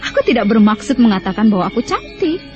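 An actress playing a haughty, vain and spiteful young royal concubine with proud, biting delivery in a radio melodrama. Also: female voice, on the high side, huge pitch swings, fast. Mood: taunting, haughty. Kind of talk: melodramatic radio drama acting. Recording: muffled radio drama, music behind.

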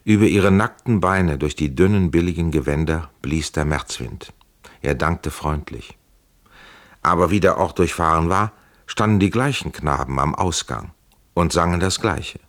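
A man narrating a historical audiobook in a measured, calm way. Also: sits low.

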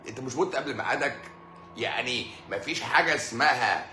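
A man's voice: mid-range voice, fast talker, bright, forceful tone, reverberant, a little hiss or hum. A middle-aged man with an Egyptian Arabic accent, a doctor chatting casually with live-stream viewers, telling jokey stories and laughing often. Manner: joking storyteller, laughs often.

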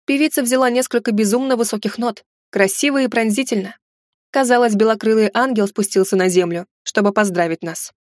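A young woman giving an expressive, dramatic first-person reading of a romance novel. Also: on the high side, a little fast, dry recording, studio quality. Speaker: audiobook narrator. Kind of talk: scripted narration of a romance novel.

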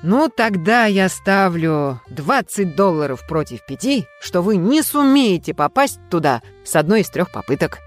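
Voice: mid-range voice, very animated, a little slow, few pauses, soft background music. Narrator voicing a taunting gambler. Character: goading excited man betting.

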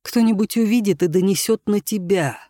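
A man's voice: high-pitched, brisk, warm tone, dry recording, studio quality, pitched above the performer's own voice, close to an everyday voice. A man reading as an earnest young inventor. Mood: shaken.

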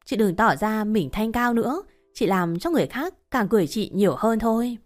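A woman's voice: on the high side, lively intonation, a little fast, close to an everyday voice. A woman voicing a smug young mistress who lectures her sister-in-law in a sneering, condescending way, over faint music.

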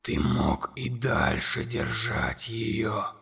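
A man voicing a huge, relentless monster in an audiobook, speaking in a low, slow, menacing whisper. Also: animated, creaky, a bit bright, breathy edge, big-room sound, full character voice.

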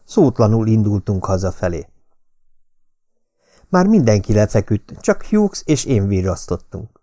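A man reading a novel aloud as an audiobook narrator, in a steady, even way. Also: on the low side, dry recording, clean studio sound. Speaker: audiobook reader. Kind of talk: scripted narration.

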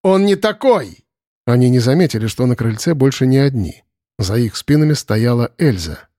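A male narrator reads a dark fantasy audiobook in a measured, dramatic way. His voice is mellow and dark, at a middle pitch. The recording is dry and close. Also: animated, dry recording.

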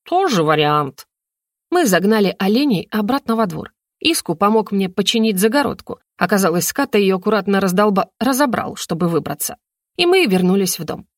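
Expressive woman reading a storybook. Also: mid-range voice, fairly quick, no echo, clean studio sound. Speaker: audiobook reader. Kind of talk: first-person storybook narration.

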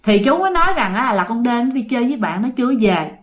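A woman's voice: on the high side, very animated, fast. A woman with a Southern Vietnamese accent telling a ghost story, chatty and dramatic, addressing her listeners directly. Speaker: storyteller host.

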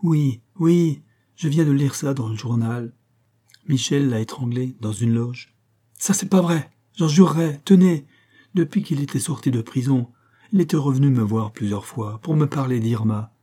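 A man's voice: medium pitch, normal speed, mellow, voice pushed up, natural voice. A man voicing a small, sweet-voiced young woman who speaks earnestly and with emphasis in an audiobook. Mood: pleading insistent.

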